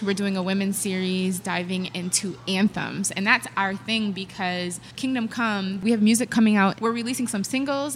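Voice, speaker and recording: A woman's voice: medium pitch, fairly bright tone, slight background noise. A woman hosting a podcast in a casual, upbeat and emphatic conversational way. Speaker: podcast host, singer.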